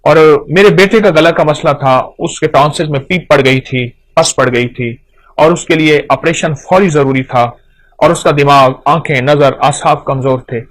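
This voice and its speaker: A man's voice: on the high side, moderate pace. Earnest man explaining remedies. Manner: earnest and instructive, repeats points for emphasis. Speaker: folk remedy speaker. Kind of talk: home remedy talk.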